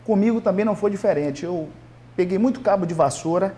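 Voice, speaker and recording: Man from Salvador, lively modest singer. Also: high-pitched, fairly quick. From Salvador, Bahia, Brazil. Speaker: singer, interview guest. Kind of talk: relaxed TV interview chat. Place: local TV studio.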